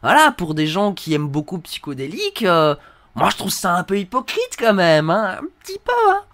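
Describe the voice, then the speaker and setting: A man's voice: sits high, wildly swooping pitch, moderate pace, fairly bright tone, no echo. A young man in a dry, close-miked room reacting to hateful comments with mocking irony. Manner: mocking, ironic, reads comments aloud in put-on voices. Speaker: video creator reacting to comments.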